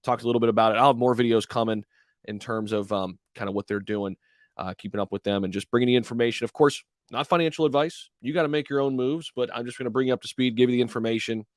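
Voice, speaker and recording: A man's voice: mid-range voice, quick pace, no echo. Male livestream host, crypto bro type: casual promotional patter, slangy, very dry recording.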